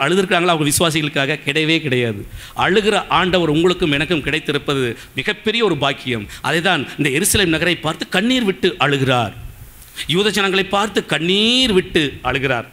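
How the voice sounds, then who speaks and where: A man's voice: fairly high pitch, pushed and bright. A man with a Tamil Nadu accent preaching an emphatic sermon at a church service, repeating phrases and asking the congregation rhetorical questions.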